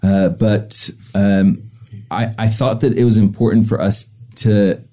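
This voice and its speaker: A deep-voiced American man with a warm, mellow tone hosts a podcast. He talks conversationally and picks his words with some thoughtful hesitation. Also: fairly even intonation, measured pace. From rural Indiana, USA. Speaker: podcast host, communication professor.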